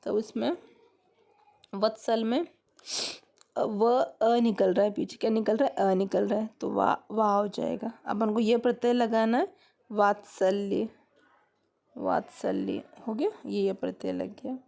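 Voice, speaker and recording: Slow, gravelly-voiced woman teaching grammar. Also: mid-range voice, fairly even intonation, mellow. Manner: repeats questions to students, explains step by step. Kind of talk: grammar lesson.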